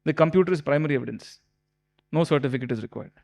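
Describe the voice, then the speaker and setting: A man giving a lecture to professionals, explaining slowly and emphatically with repeated examples. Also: a little high, vocal fry, darkish tone. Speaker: speaker at a tax law seminar. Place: hotel conference hall.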